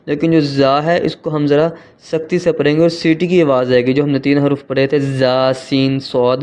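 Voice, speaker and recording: A man with a Pakistani Urdu accent teaching beginners to pronounce letters, in a slow, patient tutorial manner with drawn-out letter sounds. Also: on the high side, steady tone, darkish tone. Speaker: Quran reading teacher.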